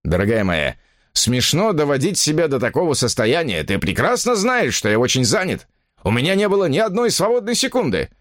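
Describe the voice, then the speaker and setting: A man's voice: fairly high pitch, wildly swooping pitch, a little fast, a bit bright, dry recording, clean studio sound, pitched above the performer's own voice. A man voicing a cold, irritable writer who answers curtly and impatiently, in an audiobook story. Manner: curt, impatient.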